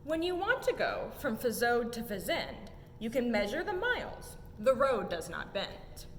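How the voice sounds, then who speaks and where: In an echoey museum exhibit room with low rumbling noise, a young adult woman reads a children's picture book at a measured pace for story time. Her voice sits on the high side, highly animated and sing-song, with emphatic rises and falls following the rhymes.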